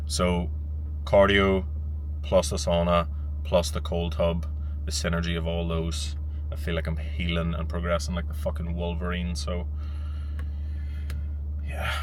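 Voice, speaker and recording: A man's voice: deep voice, a little hiss or hum. A young man talking casually to camera as a fitness vlogger, upbeat and chatty and swearing freely.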